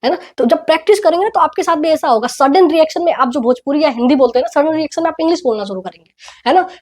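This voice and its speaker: A woman with an Indian accent teaching a recorded English lesson, explaining patiently and slowly repeating example sentences for drills. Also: sits high, animated, darkish tone. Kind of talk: recorded online grammar lesson. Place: indoors, writing on a board.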